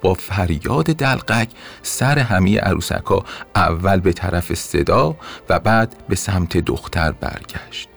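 A man narrating a bedtime story in a gentle, expressive way. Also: sits low, vocal fry. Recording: soft music under narration.

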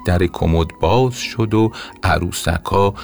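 A man narrating a bedtime story in a gentle, expressive way. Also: low-pitched, gravelly. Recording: soft music under narration.

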